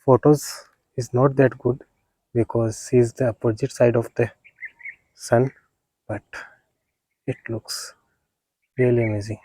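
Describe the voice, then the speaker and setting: A man narrating a casual outdoor wildlife vlog in a halting, unhurried, understated way. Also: medium pitch, fairly even intonation, dark tone, breathy edge, dry recording, rough recording. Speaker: wildlife photographer vlogger. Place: outdoors in nature, close dry sound.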